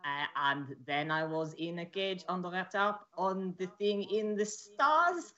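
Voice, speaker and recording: A woman voicing a shaken young male tiefling survivor who recounts events in a halting, plain way. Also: fairly low pitch, sharp tone. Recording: dull lo-fi stream audio.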